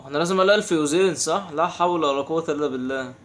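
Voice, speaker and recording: Fast-talking Egyptian man narrating gameplay. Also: on the high side. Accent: Egyptian Arabic. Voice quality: quick, animated, exasperated banter. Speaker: gaming channel host. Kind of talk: casual gameplay commentary.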